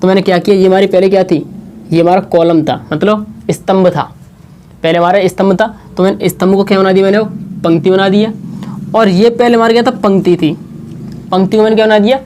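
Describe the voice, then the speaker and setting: A man teaching a maths lesson at a board, slowly explaining and repeating, asking questions and answering them himself. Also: sits high, steady tone, darkish tone, slight background noise. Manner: slow, repetitive explaining.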